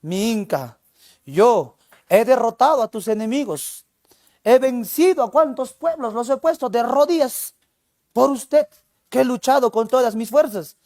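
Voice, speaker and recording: A man's voice: very high-pitched, lively intonation, unhurried, a little mellow, no room sound, clean studio sound, full character voice. A male teacher voicing a lovesick young Inca general who pleads in an earnest tone.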